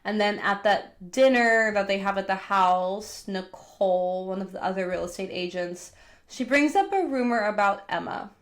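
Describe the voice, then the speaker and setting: A podcast host recaps pop culture in a chatty, gossipy way, peppering everything with "like." She sounds congested from a cold. Her mid-range voice moves at normal speed.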